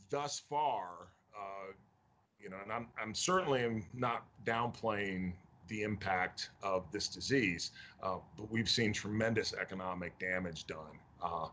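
A man who is a county mayor from Tennessee, answering interview questions over a video call in a measured way with many fillers. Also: fairly low pitch, fairly bright tone.

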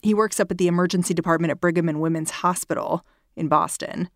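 A woman podcast host with a slightly low voice speaks in a conversational, scripted style. She is recorded in a closet at home, so the sound is dry and close, with no room ring. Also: fairly even intonation, quick pace, no room sound.

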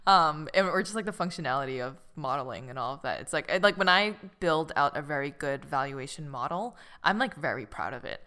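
A woman's voice: low-pitched, lively intonation, fairly quick, few pauses, pushed and bright. A woman working in finance, chatting casually and poking fun at herself on a podcast. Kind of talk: casual chat.

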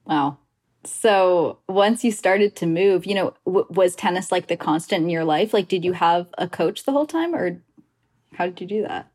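A podcast host with a fairly low, expressive, slightly mellow voice reads a scripted intro, then chats casually with her guest at a moderate pace. She's talkative and retells hearsay, slipping in quoted asides.

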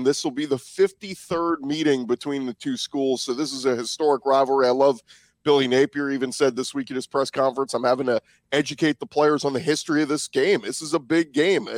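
A man's voice: mid-range voice, no echo. A man hosting a sports podcast in an upbeat, announcer-like way. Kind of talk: scripted show intro and sponsor read, then panel hosting.

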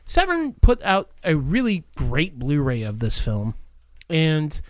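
Podcast co-host, man, rambling casual reviewer with fillers, a bit high-pitched. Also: huge pitch swings, slow pace, a little mellow. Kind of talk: casual movie review chat.

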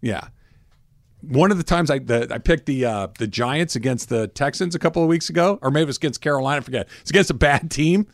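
A man's voice: a little high, quick pace, no echo, studio quality. A man hosting a sports radio show, chatting casually and laughing often.

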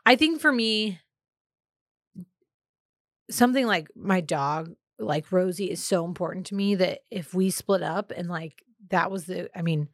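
A woman's voice: lowish voice, unhurried, no room sound, clean studio sound. A woman co-hosting a casual advice podcast, chatty and opinionated, with many filler words. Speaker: podcast co-host.

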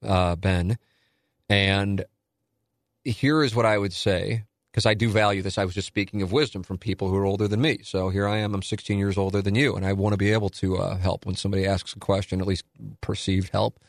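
A radio and podcast host in his forties, with a lowish voice and flat delivery, speaks a little fast in a solo listener Q&A. He's candid, rambling and self-deprecating, recorded in studio quality with no echo.

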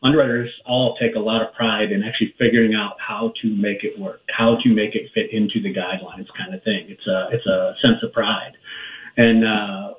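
A man on the phone as a radio show guest, telling a story in a halting way with many fillers. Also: lowish voice, little pitch movement, reverberant, far from the mic, narrow, tinny audio. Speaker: guest underwriter. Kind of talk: explaining a story to radio hosts.

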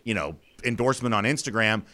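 A man's voice: fairly low pitch, expressive, fast talker, pushed and bright. A man hosting a sports talk show, thinking aloud in a conversational, opinionated way with plenty of fillers.

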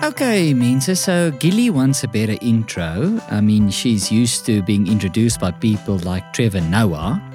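A man's voice: on the low side, expressive, a little slow, few pauses, a little mellow, faint music behind. A man hosting a comedy podcast interview, talking in a playful, self-mocking way. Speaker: podcast host.

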